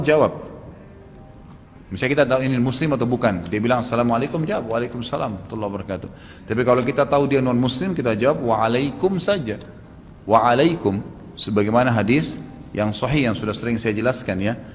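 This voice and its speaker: A man delivers a religious question-and-answer lecture at a brisk clip, with his voice carrying in a long hall reverb. He is animated and emphatic, jumping upward in pitch to hammer home each ruling. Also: slight background noise. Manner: animated, emphatic, rising sharply to stress rulings. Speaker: preacher answering audience questions.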